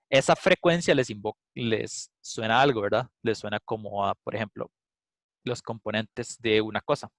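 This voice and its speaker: A man's voice: medium pitch, dry recording. A man giving a casual, explanatory class lecture, thinking aloud with frequent "eh" fillers. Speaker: instructor. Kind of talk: recorded class lecture with live demo.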